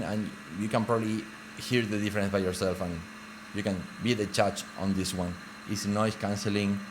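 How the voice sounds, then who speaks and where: A man's voice: lowish voice, slight background noise. A man casually talking through a test of a small wireless microphone at home. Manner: chatty, loose phrasing. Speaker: gear reviewer. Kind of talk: casual product review. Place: home room with open window. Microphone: wireless lav mic under test.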